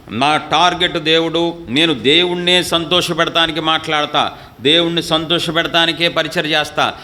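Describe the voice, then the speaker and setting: A man's voice: on the high side, pushed and bright. Fiery scolding Telugu-speaking male pastor. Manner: scolding, rhetorical questions, acts out quoted voices. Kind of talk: fiery sermon.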